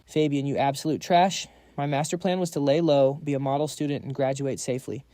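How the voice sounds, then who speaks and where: A man's voice: mid-range voice, fairly even intonation, a little fast, dark tone, dry recording, close to an everyday voice. A man voicing a weary, sarcastic young male student who talks in exasperated, slangy inner monologue.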